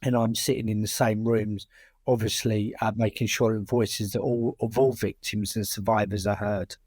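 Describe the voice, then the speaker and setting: A man's voice: on the low side, little pitch movement, moderate pace, darkish tone, breathy edge, no room sound, studio quality. A man with a British working-class accent answering in a conversational interview, often repeating words and restarting sentences as a campaigner. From United Kingdom. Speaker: charity chair and campaigner.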